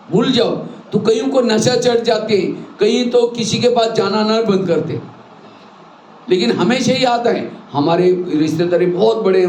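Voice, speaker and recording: This man's voice is high-pitched with a darkish tone. Preaching to a spiritual class, he lays out rules through rhetorical questions and examples from daily life, and the hall he's in echoes with a little faint noise.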